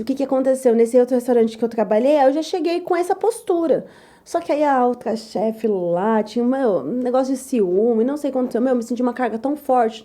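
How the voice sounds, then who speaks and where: Woman, young adult, chef being interviewed, lively storytelling, fairly high pitch, mellow tone. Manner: lively, acts out quoted voices, repeats "tal, tal"; says she talks loud and gruff. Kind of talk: animated personal storytelling.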